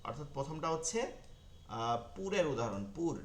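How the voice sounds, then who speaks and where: A man teaching an online Quran reading lesson, repeating key terms slowly and checking that his learners follow. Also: fairly high pitch, animated, roomy sound.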